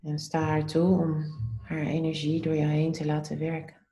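A woman leading a guided meditation in a calm, soothing, gently instructive way. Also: low voice, moderate pace, echoey room, soft background music.

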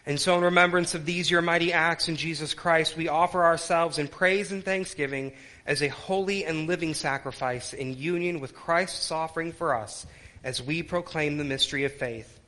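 Higher-voiced male pastor, solemn and measured. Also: fairly even intonation, bright, forceful tone. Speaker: pastor leading worship and communion. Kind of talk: sermon and liturgical recitation. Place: church worship service.

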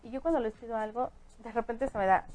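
A woman giving calm, explanatory spiritual advice about angels as a guest on a chat show. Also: fairly high pitch, fast talker, slight background noise, rough recording. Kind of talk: casual chat.

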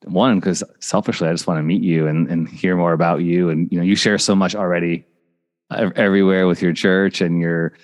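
A man in his forties hosting a casual interview podcast, admiring and halting, with many restarts. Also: low-pitched, fairly even intonation, big-room sound. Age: 40s. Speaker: podcast host.

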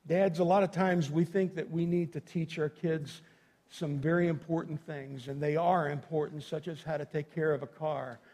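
A man's voice: on the high side, fairly even intonation, moderate pace, warm tone. A man preaching to a congregation as a pastor, speaking emphatically and directly to his listeners in a folksy way, repeating phrases for effect. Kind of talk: sermon to a congregation.

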